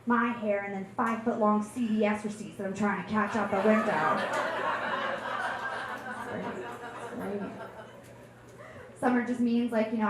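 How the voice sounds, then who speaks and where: A young woman from New Jersey performing a stand-up comedy set on a club stage with a deadpan, self-deprecating delivery. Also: medium pitch. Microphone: handheld stage mic. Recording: echoey club room with noise. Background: audience laughter.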